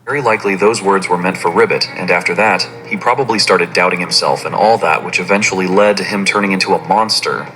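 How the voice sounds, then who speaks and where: A man giving scripted narration of a fan theory in an even, explanatory way. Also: low-pitched, quick pace, hardly any pauses, a little hiss or hum, poor audio.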